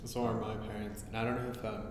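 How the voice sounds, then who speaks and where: A man in his thirties with a fairly low voice talks casually as a podcast co-host, full of slang and swearing. The sound is extremely echoey with long reverb and a little background noise. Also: flat delivery, fast, darkish tone. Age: 30s. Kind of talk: casual chat. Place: echoey hard-walled room. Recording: cavernous echo, long reverb, faint noise.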